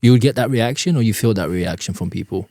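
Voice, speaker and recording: A man's voice: fairly low pitch, fast, darkish tone, dry recording, clean studio sound. A man hosting an interview, asking probing, direct questions in a conversational way. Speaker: host.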